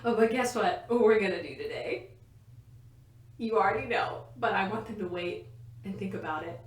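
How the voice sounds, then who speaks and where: A woman's voice: medium pitch, normal speed. A young woman co-hosting a casual podcast from a bedroom, rambling and laughing often mid-sentence. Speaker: podcast co-host. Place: a bedroom at home. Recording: roomy bedroom echo.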